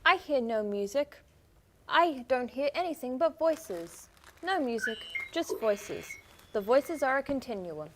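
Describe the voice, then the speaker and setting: A woman's voice: high-pitched, expressive, a little slow. Woman playing a chanting, detached hive-mind drone, noisy recording. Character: internet-addicted young man turned droning hive-mind drone. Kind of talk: scripted satirical interview drama.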